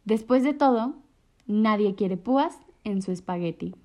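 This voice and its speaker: A woman reading children's stories aloud on the radio in an expressive way. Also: medium pitch, measured pace, heavy background noise. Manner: expressive, animated read-aloud. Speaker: radio storyteller.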